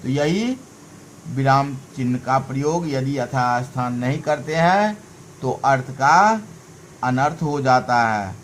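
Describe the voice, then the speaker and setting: A male teacher giving a lesson in a slow, deliberate way, pausing between phrases and stressing key words. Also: mid-range voice, lively intonation, a little hiss or hum. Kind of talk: classroom lesson.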